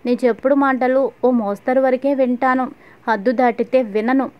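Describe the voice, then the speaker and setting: A woman voicing a bitter, grieving middle-aged mother who scolds and shouts at a schemer, in a dull lo-fi recording. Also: high-pitched, steady tone, moderate pace, lightly acted. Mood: furious. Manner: angry, scolding outbursts.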